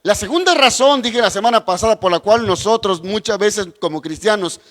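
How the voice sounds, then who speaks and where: A man's voice: high-pitched, lively intonation, a little fast, a bit bright, in a large hall. A man teaching a Bible class, talking straight to his viewers with asides and personal stories.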